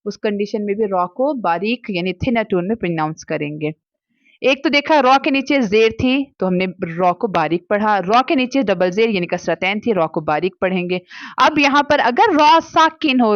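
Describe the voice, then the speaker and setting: A woman's voice: medium pitch, no room sound, dull audio. Patient woman teaching Quran reading. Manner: patient explaining, slow drawn-out demonstrated syllables; mixes English words into Hindi speech. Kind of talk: Quran recitation lesson for kids.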